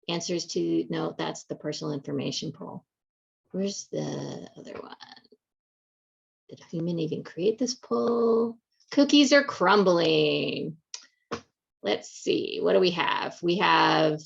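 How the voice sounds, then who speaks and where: A woman's voice: fairly low pitch, vocal fry, dull audio. A woman hosting a live online community event, chatty and upbeat, with plenty of fillers. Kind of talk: casual live webinar hosting.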